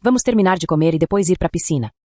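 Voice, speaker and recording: A woman's voice: lowish voice, lively intonation, racing, darkish tone, no echo, studio quality, lightly acted. A woman voicing a sweet-talking, manipulative young woman who sounds innocent but hides barbs. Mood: sugary. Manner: sugary, with hidden barbs.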